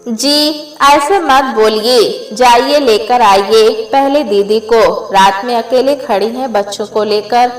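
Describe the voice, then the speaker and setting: A woman reading as a gentle, sensible daughter-in-law. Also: a little high, slow pace, few pauses, reverberant, low-quality recording. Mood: urging.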